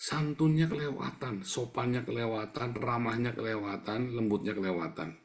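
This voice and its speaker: A man's voice: mid-range voice, moderate pace. Guy preaching, talks like a chat but hammers his points over and over. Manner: conversational, emphatic, repeats words for stress. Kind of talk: sermon.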